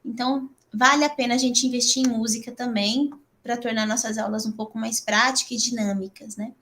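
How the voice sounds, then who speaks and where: Brazilian woman teacher, middle-aged, fairly high voice, chatty and animated, leans on "né" between phrases. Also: a little fast. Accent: Brazilian Portuguese. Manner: chatty, fills with frequent "né"; animated, laughs and jumps up in pitch. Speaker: English teacher presenting to fellow teachers. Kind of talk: teacher training talk.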